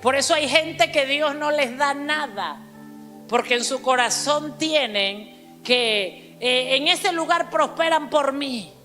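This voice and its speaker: A high, bright woman's voice preaching with emphatic force, calling out to the congregation and slowing down to spell out words. She is recorded on a stage microphone in a church hall, with a long reverb tail and faint music underneath. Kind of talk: sermon.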